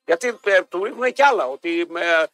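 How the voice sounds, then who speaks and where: A man's voice: sits high, lively intonation, pushed and bright. A man co-hosting a sports radio show, chatting casually and often repeating himself. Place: radio studio. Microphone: studio microphone. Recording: radio broadcast with faint music.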